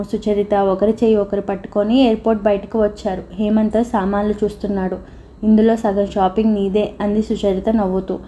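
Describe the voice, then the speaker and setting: A woman reading a novel aloud as an audiobook narrator, in a steady, even storytelling voice. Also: medium pitch, slight background noise.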